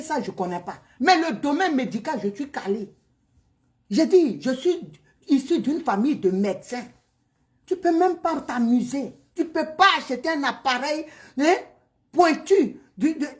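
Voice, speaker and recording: High-pitched woman, heated mocking vlog rant with sharp loud-to-quiet swings. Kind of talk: heated direct-to-camera rant.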